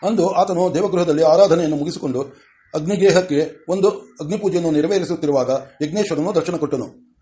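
A man reading a novel aloud as an audiobook, in a measured, formal way. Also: fairly high pitch, dark tone. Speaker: audiobook narrator. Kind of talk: scripted narration of a novel.

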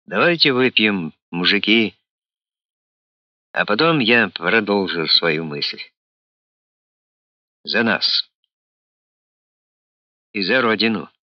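A man voicing a blunt, hot-tempered one-armed police colonel who talks roughly and bursts out in indignation. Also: lowish voice, animated, slow pace, pauses often, no echo, highs cut off. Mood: toasting.

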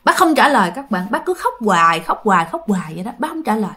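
A woman's voice: mid-range voice, sing-song, quick pace, bright, forceful tone. A woman with a Southern Vietnamese accent telling a ghost story in casual chat, often addressing her listeners and acting out the quoted lines.

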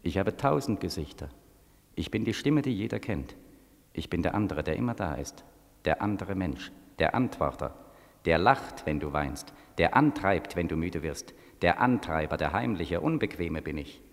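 An actor playing a calm, insistent inner voice that answers back to a young man in a 1940s radio drama. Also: low-pitched, moderate pace, long pauses. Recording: reverberant 1947 radio drama.

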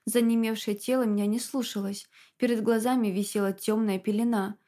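A woman's voice: fairly high pitch, fairly even intonation, a little fast, dark tone. Woman narrating a tense audiobook. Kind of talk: first-person dramatic narration.

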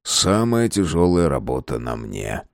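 A low-voiced young husband, wry and easygoing, who jokes his way through everything, as a male audiobook reader plays him. The sound is dry and close, with no room around it. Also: expressive, moderate pace, a little mellow, no echo. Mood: joking. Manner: joking, easygoing. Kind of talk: audiobook character voice.

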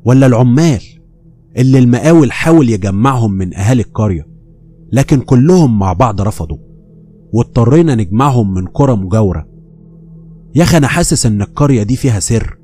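A man's voice: mid-range voice, animated, quick pace, pauses often, dark tone, faint music behind, lightly acted. A man with an Egyptian accent voicing his restless, uneasy young coworker in a horror story, speaking insistently. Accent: Egyptian Arabic. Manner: insistent, pressing.

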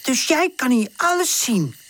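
A woman's voice: sits high, sing-song, a little slow, fairly bright tone, a little hiss or hum, voice pushed up, full character voice. A woman voicing a nervous little male puppy in a children's storybook. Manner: worried, whispery and hesitant.

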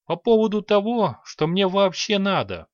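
A man reading an audiobook, voicing a calm, naive male hermit sage who speaks slowly and with mild amusement. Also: high-pitched, dry recording, voice pushed up. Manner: calm, slow, mildly amused. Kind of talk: audiobook character voice. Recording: dull dry recording.

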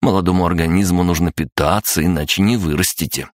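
A man's voice: deep voice, quick pace, no room sound, studio quality, lightly acted. A man voicing doting female school cooks in an audiobook, cooing and fussing. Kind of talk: audiobook character voice.

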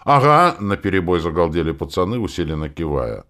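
A man reads a first-person audiobook in a very deep voice that rises and falls widely. He narrates expressively and slips into character voices for the dialogue. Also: expressive, moderate pace.

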